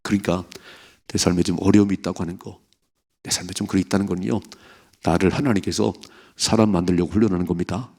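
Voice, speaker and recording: A man's voice: sits low, fairly even intonation, quick pace, darkish tone. A male pastor giving an emphatic sermon at an early morning prayer service, exhorting the congregation with rhetorical questions.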